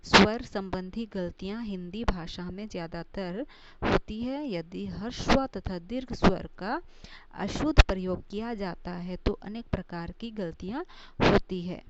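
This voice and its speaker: A woman's voice: medium pitch, a little slow. A woman teaching a Hindi grammar lesson, repeating each point and glossing terms with English words. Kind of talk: slow classroom grammar lesson. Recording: dull lo-fi recording with steady noise.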